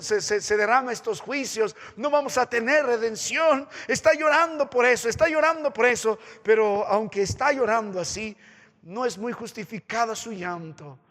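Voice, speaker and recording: A pastor with a Peruvian Spanish accent preaches passionately in a church sanctuary, his pitch and volume swinging between loud exhortation and quiet consolation. The church hall adds reverb to the recording.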